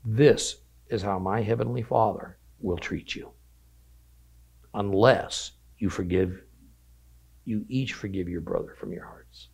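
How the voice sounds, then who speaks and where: Man reading scripture for a lesson, gravelly voice, slows right down on the big lines. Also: on the low side, darkish tone. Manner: stresses key phrases by slowing down. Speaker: Bible teacher.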